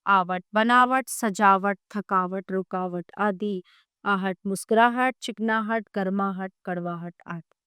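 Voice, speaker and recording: Slow, clear woman reading a grammar lesson. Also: medium pitch, bright, forceful tone, dry recording, studio quality. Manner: reads word lists one by one, measured. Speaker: textbook narrator.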